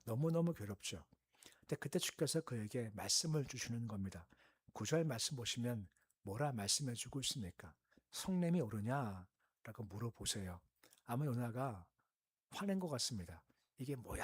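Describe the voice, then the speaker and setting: A male pastor giving an early-morning prayer sermon, explaining in a calm conversational teaching tone and asking the listeners questions. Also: mid-range voice, slightly rough.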